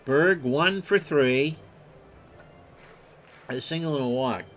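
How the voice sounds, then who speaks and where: Casting: male play-by-play announcer, bright forceful tone, slightly higher pitch, rattles off stats, faint hiss behind. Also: takes it slowly. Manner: reels off stats in clipped lists, erupts on big plays. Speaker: play-by-play announcer of a replayed game. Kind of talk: play-by-play commentary. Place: home streaming setup.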